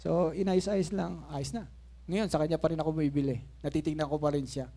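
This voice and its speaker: A man in his fifties preaching with a high, light voice. He tells stories in an animated way, dropping to a soft murmur and then rising to a shout, with laughing asides along the way. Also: a little fast. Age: 50s. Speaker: pastor. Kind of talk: Taglish sermon storytelling.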